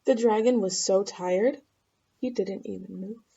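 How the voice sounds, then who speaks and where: A woman's voice: medium pitch, a little slow, gravelly, mellow, slightly rough, dull audio. A woman reading a picture book aloud to children expressively, with asides and questions for the listeners. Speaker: storybook reader.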